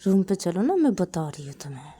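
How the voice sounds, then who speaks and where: A woman voicing a defiant, sharp-tongued young woman who scolds and bosses. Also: fairly low pitch, sing-song, fairly quick, slightly rough. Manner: bossy, scolding.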